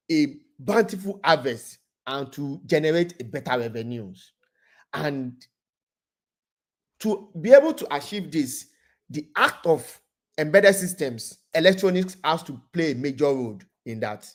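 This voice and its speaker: Give me a man speaking remotely on a video call as a guest presenter, delivering a webinar lecture in a halting way and often repeating words as he restarts. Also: a little high, lively intonation.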